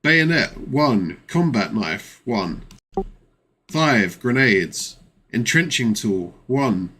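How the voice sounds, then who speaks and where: A man's voice: medium pitch, lively intonation, extremely slow, fairly bright tone, a little hiss or hum. A man voicing a male army quartermaster in a tabletop game, reading out a gear checklist item by item. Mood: matter-of-fact.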